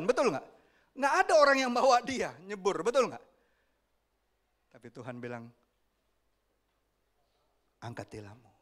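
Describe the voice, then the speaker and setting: A man preaching a sermon as pastor, lively and often asking the congregation questions. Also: on the high side. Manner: animated, asks the congregation questions, acts out quoted voices.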